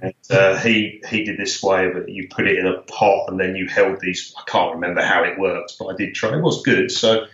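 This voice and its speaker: A man with a fairly low voice talks as an interview guest. His manner is informal and easygoing. The sound is muffled and roomy, with noticeable echo. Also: steady tone, a little fast, hardly any pauses, a bit bright. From Essex, England. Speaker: podcast guest, health shop owner. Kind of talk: casual interview chat. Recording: roomy, dull lo-fi call-like sound.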